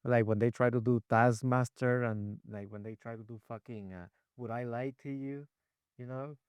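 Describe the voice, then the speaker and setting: A man's voice: mid-range voice, steady tone, normal speed, clean tone, no room sound. A man co-hosting a casual chat, laid-back, swearing freely and calling his friend bro. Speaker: podcast co-host.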